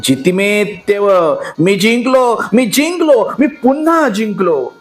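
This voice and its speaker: Cunning gloating schemer, shrill high cries, slow drawn-out words, storybook reading. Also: male voice, big pitch swings, faint music behind, full character voice. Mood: gloating, triumphant. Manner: crowing slowly in high shrieks. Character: cunning gloating male schemer, middle-aged uncle.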